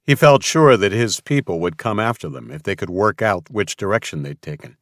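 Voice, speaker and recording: A man narrating an audiobook in a steady, even reading voice. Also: fairly low pitch, moderate pace, dry recording, studio quality. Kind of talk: scripted narration.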